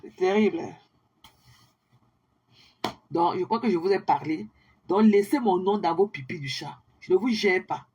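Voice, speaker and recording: Young woman, husky, scornful livestream ranter who taunts her critics and mixes in English. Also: on the low side, moderate pace, long pauses, darkish tone. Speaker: social media livestreamer. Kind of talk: ranting monologue to viewers.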